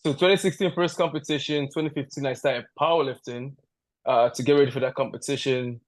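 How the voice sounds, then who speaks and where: A man's voice: medium pitch, fairly even intonation, fairly quick. A man from Canada, a powerlifter guest on a podcast, chatting casually, joking and laughing often, rambling with restarts. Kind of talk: casual interview chat.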